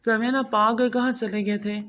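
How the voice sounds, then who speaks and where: A woman's voice: a little high, fairly even intonation, a bit bright, close to an everyday voice. A woman voicing a distraught, weeping young wife in a spoken romance novel.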